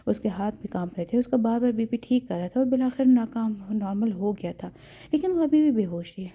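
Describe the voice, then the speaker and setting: A woman narrating a romance audio novel in a steady storytelling way. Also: on the high side. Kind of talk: scripted narration. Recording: dull lo-fi.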